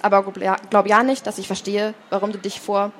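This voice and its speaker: Woman doing calm male king, teasing, dry, matter-of-fact, live novel reading. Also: mid-range voice, fairly quick, slight background noise, lightly acted. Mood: resigned.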